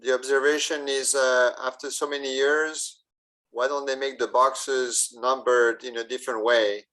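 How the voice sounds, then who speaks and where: A man volunteering as an usher, asking wry, deliberate questions in a casual meeting. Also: mid-range voice, little pitch movement, sharp tone, rough recording. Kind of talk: casual Q&A on a video call.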